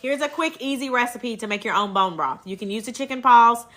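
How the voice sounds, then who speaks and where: A woman's voice: fairly high pitch, brisk, pushed and bright. A woman with a Kentucky accent chats casually on a livestream as host, folksy and talkative, often breaking off to thank viewers. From Kentucky, United States. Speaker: livestream host and herbal health seller.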